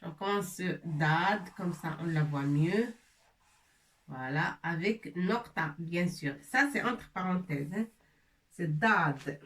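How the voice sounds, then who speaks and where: A woman teaching a language lesson slowly and patiently, repeating each word and asking her viewers questions. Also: fairly low pitch, fairly bright tone, roomy sound, far from the mic. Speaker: Arabic teacher.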